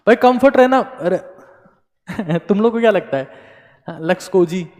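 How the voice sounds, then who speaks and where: A man's voice: high voice, expressive, a little slow, a little mellow. A young Indian man teaching exam students in a playful, joking way, slipping into comic voices and a Haryanvi tone, and he feels a bit unwell. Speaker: coaching teacher. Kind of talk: motivational talk to exam students. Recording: long hall reverb.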